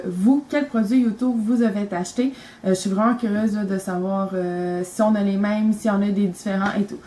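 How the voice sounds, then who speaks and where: A woman's voice: a little high, warm tone, poor audio. A young woman with a Quebec French accent, talking casually and enthusiastically about her makeup, rambling with lots of fillers. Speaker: beauty vlogger.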